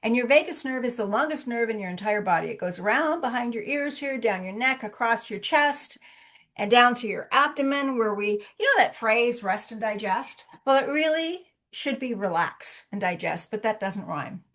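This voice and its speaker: A woman leading a wellness session over a video call, with a calm, instructing manner, speaking directly to her listeners. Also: on the high side, normal speed. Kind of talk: guided relaxation and live workshop talk.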